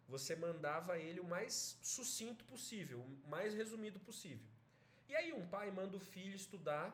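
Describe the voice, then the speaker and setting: Brazilian man teaching an online writing class, high animated voice, chatty explanations, echoey room with faint noise. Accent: Brazilian Portuguese. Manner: explanatory, chatty, checks in with students.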